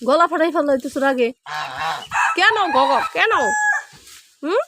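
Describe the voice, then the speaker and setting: A woman gently and repeatedly asking her hen what is wrong, outdoors in a farmyard. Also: sits high, animated, moderate pace, heavy background noise. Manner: gentle, repetitive questioning. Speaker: poultry keeper. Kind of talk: coaxing talk to a hen. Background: clucking chickens.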